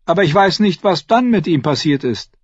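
A man voicing a sharp-tongued, weary dwarf lord who gives clipped urgent orders in an audiobook. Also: high voice, lively intonation, moderate pace, no echo, highs cut off, pitched above the performer's own voice. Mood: urgent commanding. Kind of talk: audiobook character voice.

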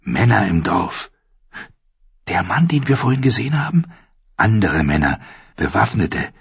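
A man's voice: on the low side, sing-song, gravelly, slightly rough, no room sound, dull audio, heavily acted. Man reading a grim, solemn boy. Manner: grave and measured, near the reader's own voice.

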